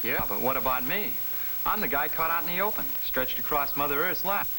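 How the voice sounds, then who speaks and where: A wry, worried serviceman speaks in a bright, forceful voice. His pitch swings in a lively way, in the style of a 1950 training film, on a hissy old soundtrack. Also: a little fast, full character voice, low-quality recording. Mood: wry, anxious.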